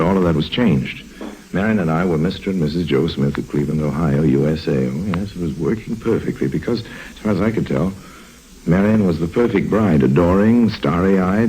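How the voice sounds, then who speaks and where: In a 1950s radio drama, an actor with a deep, rich, mellow voice plays a roguish, smooth-talking con man on the run, narrating in the first person. His manner is wry, urbane, and dryly ironic. The old 1950s radio recording has poor audio.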